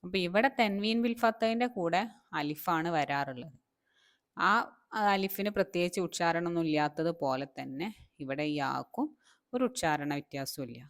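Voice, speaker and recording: A woman teaching Arabic reading, drawing out each word and asking her listeners questions. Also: lowish voice. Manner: drawn-out repeated words between quick explanations. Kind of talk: slow reading lesson.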